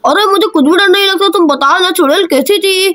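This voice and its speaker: A woman's voice: very high voice, a little fast, a bit bright. A woman voicing a boastful little village boy in a kids' doll-play story, chatty and teasing. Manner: chatty, teasing, calls out "arre" often.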